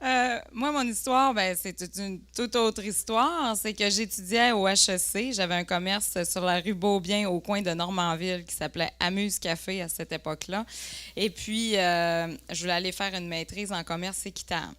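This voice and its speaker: A woman's voice: medium pitch, moderate pace, a bit bright. A woman in her forties with a Lac-Saint-Jean Quebec French accent, telling stories to a conference audience and laughing often as she acts out voices. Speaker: entrepreneur giving a talk. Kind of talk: animated storytelling on stage. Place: conference stage before an audience. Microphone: stage microphone.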